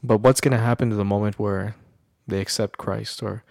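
A man's voice: lowish voice, steady tone, a little fast, gravelly, a little mellow, dry recording, clean studio sound. A man talking casually about faith in a hesitant, roundabout way, often checking for agreement. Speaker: podcast co-host. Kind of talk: casual religious discussion.

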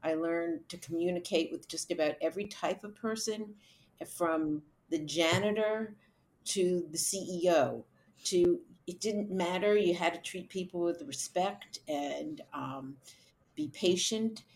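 Chatty middle-aged woman, slightly low voice. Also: unhurried, a little mellow. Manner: chatty, laughs while telling stories. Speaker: event producer, guest. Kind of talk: conversational interview answers.

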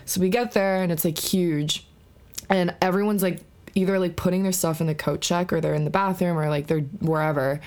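A young woman with a slightly low voice tells long stories on a podcast. She rambles casually, with "like" in nearly every phrase. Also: steady tone, brisk, darkish tone, clear, resonant tone. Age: young adult. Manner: rambling storytelling, full of "like". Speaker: podcast co-host. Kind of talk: casual chat.

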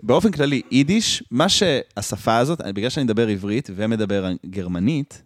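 A man's voice: medium pitch, animated, dry recording. Joking Israeli man, dry sound. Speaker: podcast speaker. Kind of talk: casual chat.

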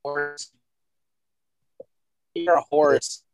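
A man's voice: fairly high pitch, level tone, extremely slow, no echo, poor audio. A man in a casual chat over a video call, spinning absurd jokes. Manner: joking, absurd riffs.

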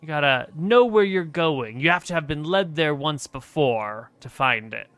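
A man's voice: on the high side, expressive, normal speed, fairly bright tone, clear, resonant tone, no echo. A man playing a gossipy trader who sneers at dwarves. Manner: folksy, gossipy, scornful rambling. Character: chatty male trader who scorns dwarves.

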